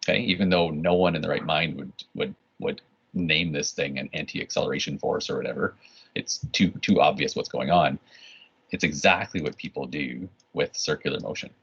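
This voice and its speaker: A man's voice: extremely low pitch, normal speed, fairly bright tone, husky. A man teaching an online physics lesson in a casual, rambling way, full of restarts and "right?" checks. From Canada. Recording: dull lo-fi recording.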